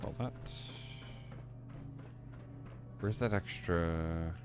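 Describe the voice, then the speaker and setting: Low-voiced man giving casual game commentary. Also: drawn-out words, loud music behind the voice. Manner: rambling, self-correcting, chatty. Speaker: gaming video creator.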